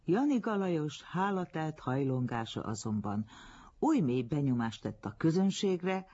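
A man reading a literary story aloud in an expressive storytelling manner, on a dull lo-fi recording. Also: on the high side, slightly rough. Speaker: narrator. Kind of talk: literary audiobook narration.

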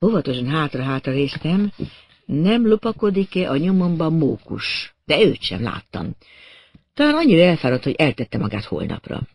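A man's voice: fairly high pitch, sing-song, vocal fry, dry recording, studio quality. A man narrating an audiobook in a wry, dryly humorous storytelling manner. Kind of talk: scripted narration.

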